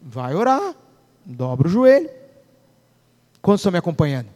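High-voiced preacher man in a reverberant hall. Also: huge pitch swings, normal speed, darkish tone. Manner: preaching with call-and-response questions to the congregation. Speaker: pastor. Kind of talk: sermon.

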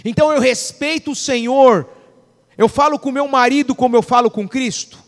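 A man preaches in a strikingly high voice, throwing questions at his congregation and waiting for answers. His voice rings with long reverb through a church hall. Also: normal speed. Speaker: pastor. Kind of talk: sermon.

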